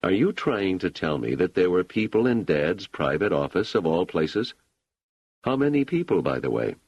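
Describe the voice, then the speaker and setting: A man's voice: sits low, very animated, moderate pace, a little mellow, husky, no echo, highs cut off, exaggerated voice. A man reading an audiobook, voicing a skeptical grown son who talks bluntly with dry sarcasm. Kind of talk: audiobook character voice.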